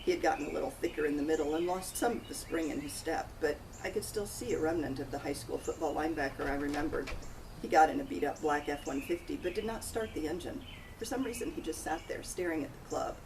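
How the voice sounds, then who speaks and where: Her voice is low and her pace quick as she narrates, in first person, a cozy mystery novel she authored. The recording is distant, with loud outdoor noise including birds and crickets.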